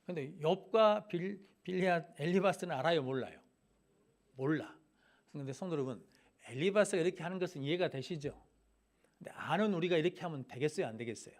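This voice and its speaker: A man's voice: fairly high pitch, expressive, a little fast. A middle-aged male pastor preaching a Wednesday sermon, firing rhetorical questions at the congregation and acting out Bible characters in casual speech.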